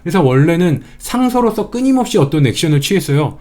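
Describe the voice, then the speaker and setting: A man lecturing for a history exam course, his voice somewhat high yet mellow. He teaches in a chatty, playful way, building mnemonic wordplay as he goes. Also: sing-song, quick pace.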